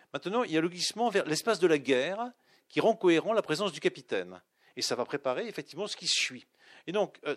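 A man's voice: a little high, no room sound, studio quality. A middle-aged man teaching literature, explaining a text aloud with frequent fillers, restarts and ironic asides.

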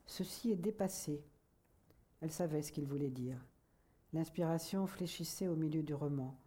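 A woman reading a literary novel aloud in a measured, soft manner that at times sinks to a whisper. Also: low voice. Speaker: audiobook reader. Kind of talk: literary audiobook narration.

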